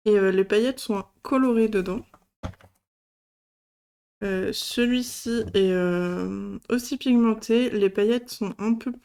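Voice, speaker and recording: This craft channel host has a mellow, medium-pitched voice. She walks through a casual product demo item by item, speaking hesitantly with many fillers.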